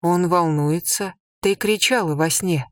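A reader voicing a gentle, earnest young woman in an audiobook, with a soft, questioning and slow delivery. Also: on the low side, no room sound, studio quality, close to an everyday voice. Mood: worried. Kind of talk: audiobook character voice.

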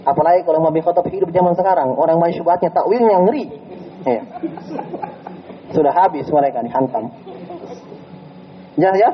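Animated high-voiced male preacher. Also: brisk, pauses often, lo-fi sound. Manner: animated storytelling, checks with "ya?" and "jelas?". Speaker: Islamic teacher giving a study lecture. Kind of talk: religious lecture. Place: prayer room.

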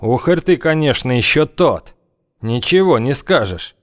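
A man voicing a hard, sinister gang leader who warns slowly and ominously, using thieves' slang. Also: mid-range voice, lively intonation, dry recording, studio quality, voice pushed up, lightly acted. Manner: slow, ominous, heavy with slang.

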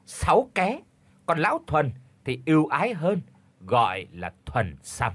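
A man narrating a scripted folk story as host, dramatic and animated. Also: medium pitch, slightly rough, no echo.

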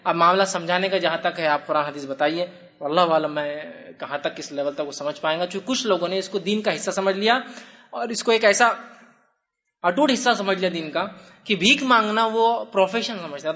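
High-voiced storytelling man. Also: lo-fi sound. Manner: lively storyteller acting out exchanges. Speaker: lecturer answering audience questions. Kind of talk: religious lecture, anecdotal Q&A answer.

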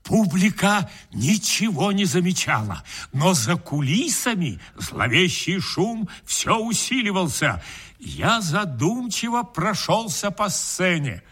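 A man narrating a first-person story in an expressive, dramatic reading. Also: sits high, takes it slowly, husky. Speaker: audiobook reader.

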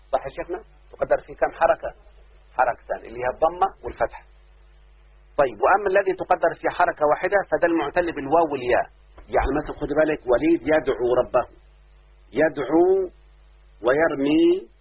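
Egyptian male grammar teacher, rapid patient explaining, thin phone-like sound. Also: a little high, husky. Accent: Egyptian Arabic. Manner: asks students again and again if they follow. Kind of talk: informal grammar lesson. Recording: muffled lo-fi phone-quality recording.

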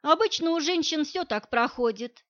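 A woman reading the lines of a tired, curt male security man in an audiobook, in a flat, dry delivery. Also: high voice, normal speed, voice pushed up. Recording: dull lo-fi audio.

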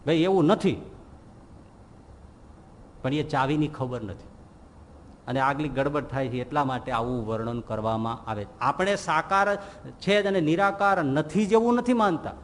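A man speaks, preaching and slipping into comic stories where he acts out each character. His sermon rings through a hall with a long echo, and faint noise sits underneath. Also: on the high side. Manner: lively storyteller, acts out characters' lines and chuckles at his own jokes. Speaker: swami giving a scripture discourse. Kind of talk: sermon with humorous anecdotes.

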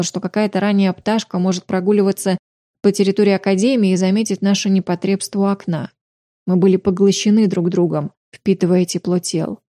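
A woman narrating a first-person romance novel in an audiobook, in a steady, intimate reading. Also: medium pitch, no echo, studio quality.

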